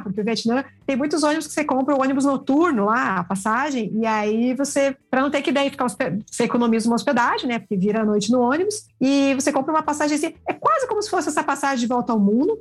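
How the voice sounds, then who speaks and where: High-voiced chatty Brazilian woman. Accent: Brazilian Portuguese. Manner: animated, chatty, self-deprecating. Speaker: traveler guest. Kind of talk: casual podcast chat, storytelling.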